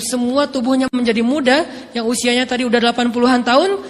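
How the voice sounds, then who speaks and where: A man in his thirties preaching a lively sermon as a story and acting out the voices of its figures. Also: high voice, big-room sound. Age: 30s. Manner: animated, acts out quoted dialogue.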